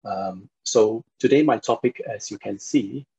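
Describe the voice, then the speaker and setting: A man's voice: on the low side, a little slow, vocal fry, mellow, husky. Hesitant man lecturing over a video call. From Singapore. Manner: hesitant, many fillers, polite. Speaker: university lecturer. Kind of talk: online public lecture. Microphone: computer mic on video call. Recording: dull lo-fi video call audio.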